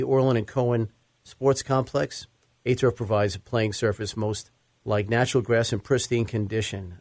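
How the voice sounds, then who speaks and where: A man's voice: medium pitch, a little mellow, no echo. Chatty male podcast host, dry mic. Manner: chatty, lists sponsors with frequent fillers. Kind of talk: casual podcast talk.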